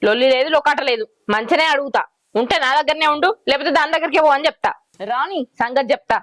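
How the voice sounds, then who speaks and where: A woman's voice: sits high, fast talker, fairly bright tone, no room sound. A woman, playing a defiant, sarcastic village wife who argues with her husband and her father. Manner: combative, sarcastic. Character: defiant sharp-tongued village wife, one of two. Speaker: actor in a village comedy short.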